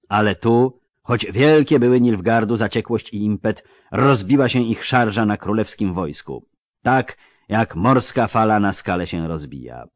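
Male audiobook narrator, deep voice, measured steady storytelling, dry close sound. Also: no room sound. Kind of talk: scripted narration.

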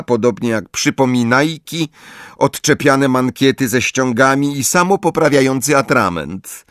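A man's voice: mid-range voice, no room sound, studio quality, voice pushed up, lightly acted. A man voicing a strict older female professor in an audiobook, giving formal warnings.

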